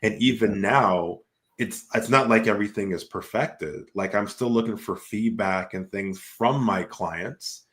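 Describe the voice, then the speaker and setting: Man, low voice, reflective, conversational, fills with like. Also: unhurried, a bit bright. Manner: reflective, repeats "like" often. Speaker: host and entrepreneur. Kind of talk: casual conversational talk.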